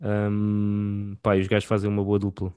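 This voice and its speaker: A man with a European Portuguese accent chats casually on a podcast. His voice sits fairly low and is recorded dry, with hardly any room sound. His wording is informal and full of slang. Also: monotone, moderate pace, mellow, clean tone, dry recording. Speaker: podcast co-host. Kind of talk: casual chat.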